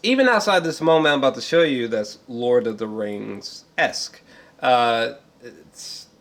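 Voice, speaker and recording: Offering off-the-cuff film commentary, a male reviewer rambles, clears his throat and repeats himself, using slang, swearing and plenty of emphasis. He speaks unhurriedly and expressively, with a medium pitch and a fairly bright tone.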